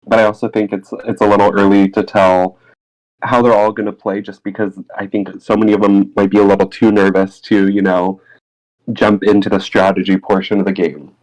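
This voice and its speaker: Low-voiced man co-hosting a podcast. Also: flat delivery, brisk, darkish tone, poor audio. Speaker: podcast co-host. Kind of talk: casual podcast chat.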